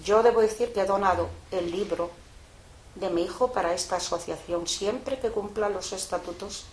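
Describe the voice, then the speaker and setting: A woman's voice: mid-range voice, moderate pace. Older woman telling a story in an echoey room. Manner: colloquial, lively retelling with frequent fillers. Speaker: interviewee, mother of a prisoner. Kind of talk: casual storytelling. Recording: echoey room, faint background noise.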